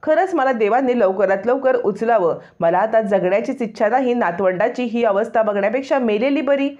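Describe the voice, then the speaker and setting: A woman's voice: fairly high pitch, normal speed, a little mellow, lightly acted. A woman reading the lines of an elderly grandmother who laments her family's shame. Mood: lamenting. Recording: dull lo-fi recording.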